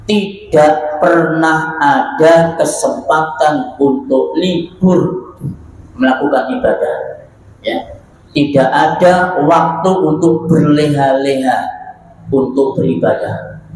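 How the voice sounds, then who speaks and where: A man's voice: fairly high pitch, slow pace. A man preaching a sermon, telling stories and acting out small dialogues, often tagging "ya" and "Pak". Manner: lively storytelling, acting out little dialogues, many "ya" and "Pak" tags. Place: mosque hall. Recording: very echoey mosque hall, faint hum.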